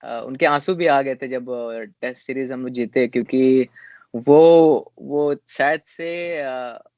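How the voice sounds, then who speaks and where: A young male cricketer answering interview questions in a relaxed, hesitant way, with frequent fillers and restarts. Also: medium pitch, slow pace, dry recording, muffled recording.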